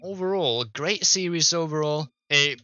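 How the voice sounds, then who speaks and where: A man doing fast, excited play-by-play commentary as an esports caster. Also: on the high side, clean tone, dry recording, highs cut off. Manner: quick, excited play-by-play, laughs easily.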